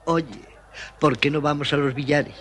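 A man's voice: fairly high pitch, steady tone, normal speed, a bit bright, slight background noise, close to an everyday voice. An actor playing a flamboyant, affected man strolling at night, talking in a giggly, coquettish manner. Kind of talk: film dialogue.

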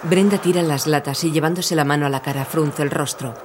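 A narrator reading scripted audio description in an even, neutral voice. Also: mid-range voice, brisk, background noise.

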